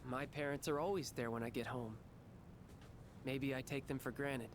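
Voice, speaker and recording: An actor playing an earnest, caring teenage schoolboy in a video game, speaking sincerely and expressively. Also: male voice, mid-range voice, steady tone, moderate pace, noisy background, lightly acted. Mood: guilty, heartfelt. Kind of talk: scripted English game voice acting. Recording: game music behind the voice.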